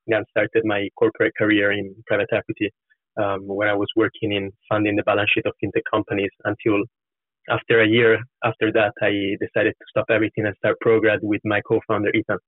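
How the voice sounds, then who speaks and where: On a muffled, roomy, call-like recording, a startup co-founder from Florence, Italy, in his twenties, answers a podcast's interview questions. He speaks with an Italian accent in an earnest, explanatory way, his voice on the low side, completely flat, and a little fast.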